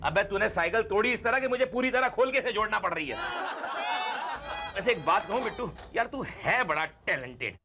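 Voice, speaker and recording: A man's voice: high voice, lively intonation, fairly quick, very noisy. An actor playing an exasperated, bumbling father in a TV sitcom who scolds and teases his son with sarcasm. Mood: sarcastic. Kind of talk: TV sitcom acting. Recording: loud background music track.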